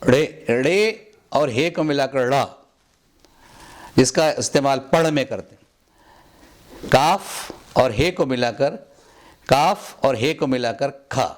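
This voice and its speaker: Male tutor for a language lesson: unhurried, mid-pitched, methodical drilling of each word. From India. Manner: deliberate, repeats words for drill. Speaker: Urdu pronunciation teacher. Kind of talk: slow instructional explanation. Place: Mumbai.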